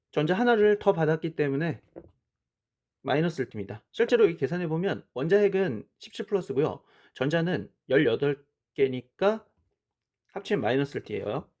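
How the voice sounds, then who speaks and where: Explaining science while sketching on a worksheet, a man keeps prompting with "자" and "그쵸?", posing questions he then answers himself. His voice is fairly high-pitched with a darkish tone.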